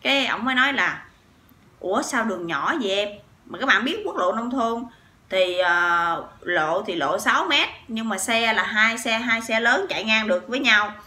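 A woman with a Southern Vietnamese accent tells a long personal story to her channel. Her voice is bright and forward, and she talks in a chatty, animated way, piling up fillers and turning to her viewers again and again. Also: fairly high pitch, normal speed. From Sóc Trăng, southern Vietnam. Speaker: vlogger.

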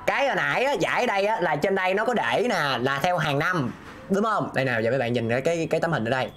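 A man's voice: on the high side, expressive, fast, a bit bright, faint music behind. A man streaming a game, talking himself through puzzles and reading viewers' messages aloud. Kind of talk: live gameplay commentary.

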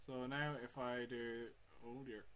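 A man's voice: mid-range voice, little pitch movement, a little slow, a bit bright, clear, resonant tone. A young man commentating his own gameplay, swearing and talking to himself, with sudden yelps. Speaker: gamer. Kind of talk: let's play commentary.

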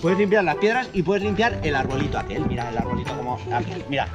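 A man in his forties with an accent from Spain, playfully presenting toys to children outdoors with drawn-out exclamations. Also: mid-range voice, highs cut off. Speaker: host dad presenting toys with his kids. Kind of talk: playful toy unboxing and demo for children. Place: outdoors in a park. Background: music.

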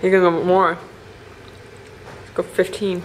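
A woman's voice: on the low side, level tone, measured pace. A woman in her twenties chatting casually and playfully behind the camera of a home video, often giggly. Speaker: camera operator and commentator. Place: living room, indoors. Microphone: handheld camera, behind it. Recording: faintly noisy home video.

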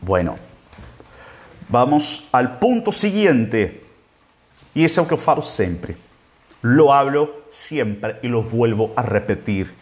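A man teaching Spanish in a live phone stream, explaining slowly and drawing out words to show how they sound. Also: mid-range voice, very animated. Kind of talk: live-streamed language lesson.

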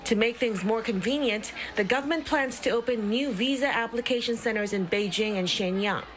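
A woman news reporter reading a scripted report in a crisp, formal way. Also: a little high, brisk. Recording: faint background noise.

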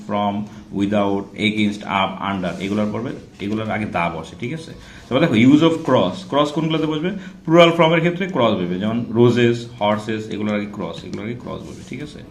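A man's voice: on the low side, slight background noise. Echoey male teacher asking rhetorical questions. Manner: checks in often with rhetorical questions; spells and repeats example words aloud. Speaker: English grammar teacher. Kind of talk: informal classroom-style grammar lesson.

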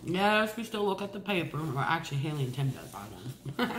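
A middle-aged woman talks casually to the camera while chewing, with mumbled pauses between mouthfuls. Her pitch moves around in a lively way. The room adds noticeable echo, with faint noise behind her. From Ohio, United States. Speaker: eating-show host. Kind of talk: casual chat to camera during a meal. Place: indoor room at a table. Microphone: camera across the table.

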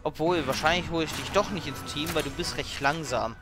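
A man's voice: a little high, fairly quick. A man giving casual let's play commentary, thinking aloud in an informal, grumbling way. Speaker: let's player, streamer. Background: game music and sound effects.

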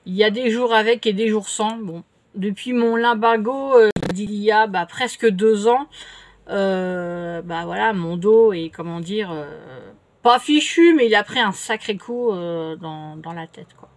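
A woman's voice: medium pitch, a little slow. A middle-aged woman, chatting casually at home as she answers her viewers' comments, rambling with many fillers and restarts. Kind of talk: casual chat. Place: home, indoors.

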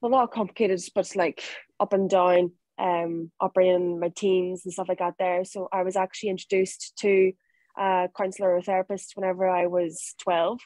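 A young Northern Irish woman with a lowish voice speaks at a moderate pace in a dry recording. She's a rugby player appearing as an interview guest over a video call from a room at home. Relaxed and chatty, she laughs easily while giving casual answers.

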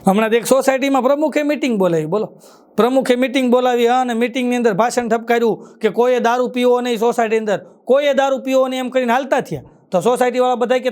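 Kathiyawadi guy doing stand-up jokes live, pretty high voice, quick punchlines. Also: darkish tone, a little hiss or hum. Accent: Kathiyawadi Gujarati. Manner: quick punchlines, ends each joke with a catchphrase. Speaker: stand-up comedian. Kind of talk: live stage joke-telling. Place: live stage show with an audience.

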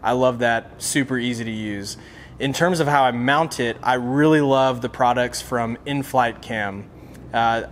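A man's voice: medium pitch, a bit bright, slight background noise. A man, hosting a casual instructional aviation vlog to camera. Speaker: host of an aviation channel. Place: open metal aircraft hangar.

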